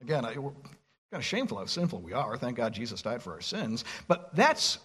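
A man's voice: medium pitch, sing-song, fairly quick, a bit bright, slightly rough. A man preaching a sermon, reading scripture aloud and asking the listeners rhetorical questions. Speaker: pastor.

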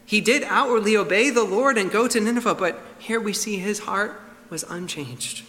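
A man's voice: high-pitched, normal speed, bright, forceful tone, in a large hall. A man preaching an expository sermon in an earnest, emphatic way.

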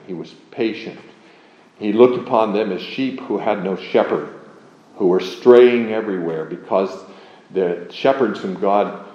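A man preaching an expository sermon, earnest and measured, reading scripture aloud and leaning hard on key words. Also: fairly low pitch, warm tone. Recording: dull, echoey room sound.

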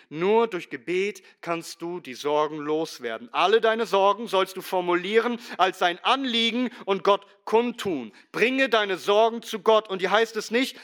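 Emphatic high-voiced man preaching. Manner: emphatic preaching, swinging between loud stresses and quiet low asides. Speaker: pastor. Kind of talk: sermon.

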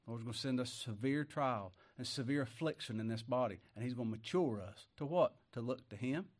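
A man preaching a sermon, fervent and folksy, swinging between loud declarations and quiet asides. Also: mid-range voice, a little fast. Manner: colloquial rural speech, ain't and them.

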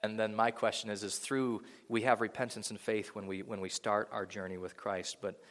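A pastor preaches a sermon to his congregation in a church sanctuary, earnest and building to emphatic peaks. His voice is on the low side, level in tone and fairly bright, at normal speed. The large hall adds a long reverb.

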